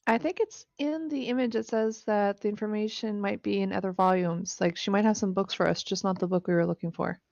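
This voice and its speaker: A woman's voice: medium pitch, fairly even intonation, brisk, gravelly, few pauses, darkish tone, no echo, muffled recording. Woman player in a dry, close sound. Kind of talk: casual chat in a tabletop game.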